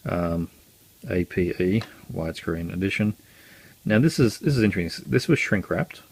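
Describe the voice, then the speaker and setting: A man's voice: low voice, lively intonation, normal speed, vocal fry, a little mellow. A man showing off his collection in a casual, rambling way, full of ums and uhs and wry, self-mocking asides. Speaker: collector vlogger. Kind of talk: casual show-and-tell.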